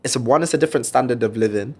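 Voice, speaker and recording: A man's voice: medium pitch, very fast, a little mellow, breathy edge. Laid-back young man. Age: 20s. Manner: laid-back slangy storytelling. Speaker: podcast host. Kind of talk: casual chat.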